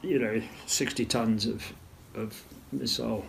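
An older man recalls events at a measured storytelling pace in an interview, often clearing his throat. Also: on the low side, steady tone, a little hiss or hum. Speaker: retired naval officer interviewee. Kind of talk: interview recollection.

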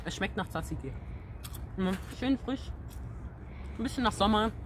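A man's voice: high voice, lively intonation, moderate pace, fairly bright tone. A teenage young man hosting a casual taste-test vlog, talking in a chatty, hesitant way outdoors toward a camera a few steps away. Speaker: video host reviewing snacks. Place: outdoors by a brick wall. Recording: outdoor camera audio with clear background noise.

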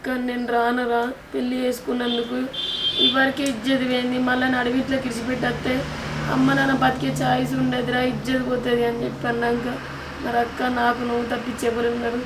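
A sorrowful, hurt pregnant young wife, played by a woman with a Telangana Telugu accent, her voice high and held to a flat, narrow tune. She pours out her troubles in a plaintive, tearful way, as in a village short film. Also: quick pace, reverberant, noisy background, lightly acted. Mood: sad, plaintive. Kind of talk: village drama acting.

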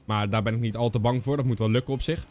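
A man's voice: mid-range voice, steady tone, quick pace, a little mellow, slight background noise. A young man with a stuffy nose from a cold gives casual gaming commentary on a close mic, mixing in English slang. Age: young adult. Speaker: streamer. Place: indoor streaming setup. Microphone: close boom microphone.

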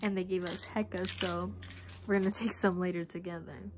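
A woman's voice: lowish voice, fairly even intonation, moderate pace, background noise. A woman in her twenties chatting casually and playfully to a phone held at arm's length. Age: 20s. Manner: playful, joking. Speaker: vlogger and caregiver friend. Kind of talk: casual vlog chat. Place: car and small home rooms.

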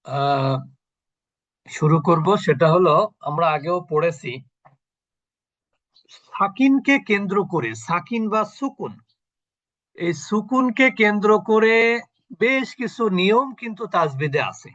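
A man's voice: high-pitched, lively intonation, slow, long pauses, fairly bright tone, dull audio. A man teaching a Quran recitation class online. He explains each point step by step, asking the class questions and then answering them himself. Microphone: video call.

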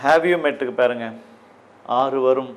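Tamil-accented male teacher, unhurried and methodical, steps through grammar drills phrase by phrase. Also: medium pitch. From Tamil Nadu, India. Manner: slow and deliberate, drills English phrases one by one. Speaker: English teacher. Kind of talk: spoken grammar lesson.

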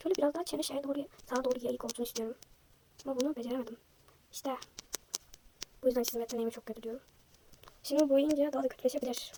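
A young woman talks quickly through her own drawing in a high voice, running herself down as she goes. Her throat is a little sore, so she sounds slightly hoarse. A faint hiss sits under the recording. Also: fairly even intonation, warm tone. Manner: chatty, self-deprecating, thinking aloud. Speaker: vlogger. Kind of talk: casual chat while drawing.

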